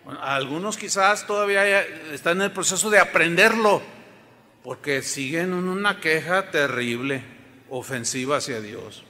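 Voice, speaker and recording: A man's voice: a little high, moderate pace, bright, forceful tone. A man preaching a sermon to his congregation, emphatic and often asking them questions. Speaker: pastor. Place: church sanctuary. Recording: long reverb of a large hall.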